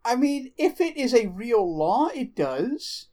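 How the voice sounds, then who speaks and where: A woman co-hosting a podcast in casual banter, teasing with quick retorts and swearing. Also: fairly high pitch, big pitch swings, warm tone. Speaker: podcast co-host.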